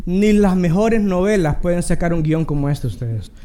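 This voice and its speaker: A pastor with a Dominican Spanish accent preaches a sermon in a high-sitting, mellow voice. He speaks at a normal pace, animated, earnest and conversational, with occasional bursts of humor.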